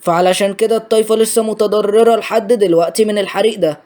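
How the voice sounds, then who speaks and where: A brash teenage bully who taunts and threatens, with an Egyptian accent, as a man reads him in a comic recap. The voice is high and hurried, with a mellow tone. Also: fairly even intonation, natural voice. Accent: Egyptian Arabic. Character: bullying teenage male disciple, brash troublemaker.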